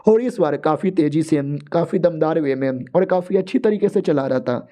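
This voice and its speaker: A man's voice: fairly high pitch, normal speed, mellow. A man narrating a manga recap casually, chatty and colloquial, with asides to the viewers.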